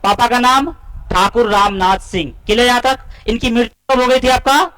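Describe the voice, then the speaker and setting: A man's voice: extremely high pitch, fairly even intonation, normal speed, pushed and bright, clean tone, rough recording. A man teaches a class. He quizzes his students and answers his own questions. He repeats the key points again and again. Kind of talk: classroom-style lesson explanation.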